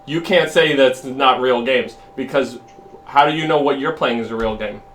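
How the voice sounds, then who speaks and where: A man's voice: medium pitch, moderate pace, fairly bright tone, slight background noise. A man streaming, arguing casually and emphatically with a friend and swearing freely.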